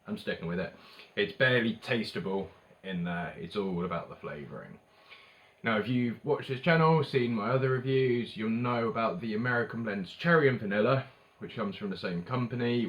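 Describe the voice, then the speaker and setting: A man's voice: fairly low pitch, fairly bright tone. A man presenting a casual product review, chatty, with emphatic stresses and offhand asides. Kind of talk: casual scripted-feeling product review to camera.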